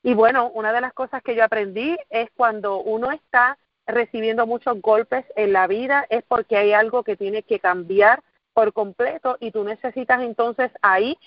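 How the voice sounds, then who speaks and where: A Puerto Rican woman in her forties gives a motivational presentation, speaking earnestly, repeating words for emphasis and often asking the audience questions. Her voice sits a little high, and the recording is dry, with no echo and the highs cut off.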